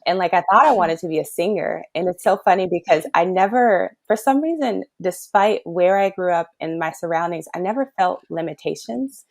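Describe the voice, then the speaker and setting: Speaking with vocal fry in a lowish voice, a woman pediatric nephrologist in her thirties from suburban south Chicago chats as an interview guest. She keeps a moderate pace with few pauses, sounding earnest and thoughtful and laughing frequently.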